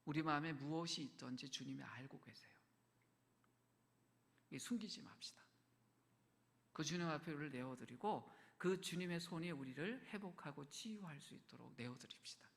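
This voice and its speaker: Korean pastor preaching with gravelly warmth. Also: male voice, on the high side, moderate pace. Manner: shifts between quiet near-whispers and raised emphatic lines. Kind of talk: sermon. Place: church sanctuary. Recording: long hall reverb.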